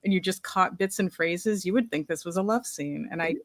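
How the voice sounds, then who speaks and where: A woman's voice: on the low side, brisk, no room sound. Enthusiastic woman co-host, dry sound. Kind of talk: casual chat.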